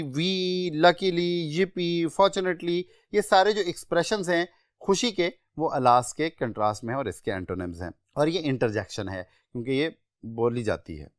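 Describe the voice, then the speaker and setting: A man with a Pakistani accent giving an exam-prep English vocabulary lecture, explaining words in a measured way and listing synonyms one by one. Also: on the high side, expressive, no room sound, studio quality.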